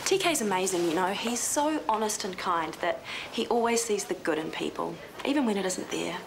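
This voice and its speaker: An actress playing a guarded, protective ex-wife in a TV soap, blunt and earnest. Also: female voice, mid-range voice, lively intonation, moderate pace, gravelly. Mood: cool warning. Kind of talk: television soap opera dialogue. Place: indoor clinic corridor and locker room. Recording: noisy ambient TV soundtrack.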